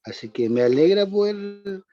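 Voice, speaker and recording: A man's voice: high-pitched, lively intonation, moderate pace, dry recording. Hesitant Chilean man on a dull call line. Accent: Chilean Spanish. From southern Chile. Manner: rambling, hesitant, with many restarts and soft laughs. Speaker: church member greeting the class. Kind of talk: casual introduction over video call. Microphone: video call. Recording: dull, dry video call audio.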